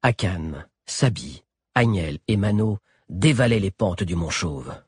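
A low, slightly husky male voice reads an adventure novel aloud with lively rise and fall. The delivery is expressive, with a clear storytelling rhythm. The sound is dry and close, with no room echo. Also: unhurried. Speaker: audiobook narrator. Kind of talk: scripted narration.

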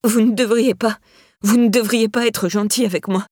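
A woman reading aloud, voicing a distraught young woman who pleads in a higher, shaky voice. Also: fairly even intonation, normal speed, darkish tone, no echo, studio quality, lightly acted. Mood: pleading.

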